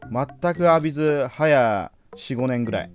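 A man's voice: medium pitch, expressive, a little slow, soft background music. A man giving casual let's play commentary, chatting playfully to the characters on screen as he plays. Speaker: game streamer.

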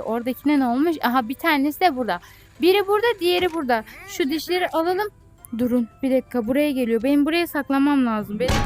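A woman giving playful gameplay commentary as a YouTuber. She is excitable and breaks into squeals and shrieks of alarm. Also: high voice. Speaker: gaming YouTuber.

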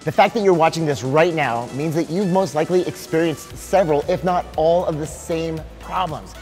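A man in his forties, a fitness coach hosting a promo, talking in an upbeat, energetic, salesy way on a lapel mic in a bright studio. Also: on the high side, normal speed, soft background music. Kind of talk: scripted promo pitch. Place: large bright indoor studio.

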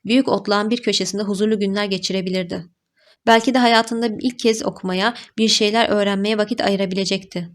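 A woman narrating an audiobook with an even, measured reading style. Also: mid-range voice. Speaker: audiobook reader. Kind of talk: scripted narration.

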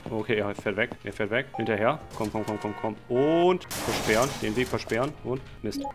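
A man giving excited Let's Play commentary on a game, talking to his viewers as friends, with slangy asides and sudden shouted outbursts. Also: on the low side, moderate pace, over music. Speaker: gaming channel host.

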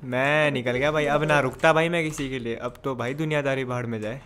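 A man chatting and joking with friends while racing in an online game, teasing and breaking into excited shouts. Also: mid-range voice, fairly quick, slight background noise. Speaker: streamer. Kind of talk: casual gaming banter.

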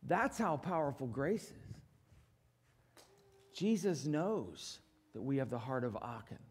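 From a church stage, a middle-aged male pastor delivers his sermon, rising to loud, emphatic declarations and dropping to quiet, low asides. He prompts the congregation to show their agreement.

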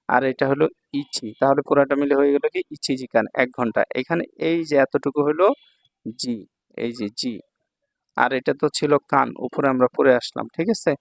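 A man's voice: mid-range voice, creaky, no echo. A man teaching Japanese kanji in a recorded online lesson, explaining each word patiently and checking in often. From Bangladesh. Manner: patient, repeats words and checks with "thik ache".

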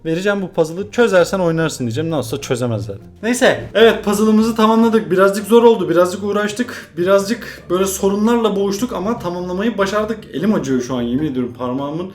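A man's voice: sits high, lively intonation, fast, hardly any pauses. A young man from Turkey chatting casually on his vlog as he works a puzzle, muttering and grumbling in mock frustration. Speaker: YouTuber solving a puzzle. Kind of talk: casual vlog chat while solving a puzzle.

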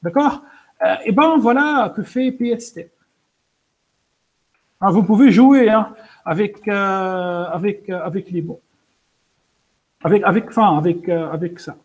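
A man's voice: high-pitched, measured pace, long pauses, a little mellow. A man teaching a coding lesson in French, explaining step by step with many fillers and restarts, and apologizing for his English. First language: French-speaking, pronounces English words poorly. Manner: explains step by step, addresses students directly. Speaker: programming instructor.

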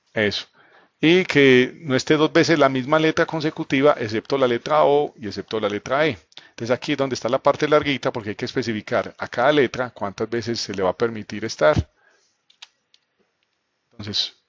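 A man's voice: mid-range voice, fairly bright tone, dry recording, highs cut off. Man teaching code live online. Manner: explanatory, asks students questions, frequent fillers like "entonces" and "¿cierto?". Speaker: programming instructor. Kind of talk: live online class, screen-share walkthrough.

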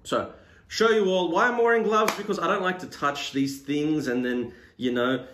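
A man's voice: a little high, normal speed. A man talking casually while eating on camera, rambling with plenty of ums and the odd swear word, filmed on a phone at home. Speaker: mukbang vlogger. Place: room at home. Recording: roomy with faint noise.

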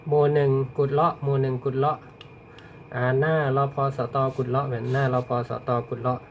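Clear background noise surrounds a man with a medium-pitched voice. He works as a rescue dispatcher on the radio, reading coded messages back procedurally. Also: little pitch movement, fairly quick.

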